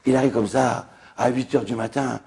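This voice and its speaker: Gravelly-voiced man telling a story. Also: medium pitch, moderate pace. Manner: lively storytelling with acted-out dialogue. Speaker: rabbi. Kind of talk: storytelling sermon.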